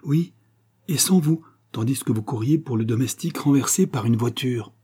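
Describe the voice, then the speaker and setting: A man reading an audiobook, voicing a loyal, earnest male servant who answers his master eagerly, in a husky voice. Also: medium pitch, moderate pace, a little mellow, pitched above the performer's own voice.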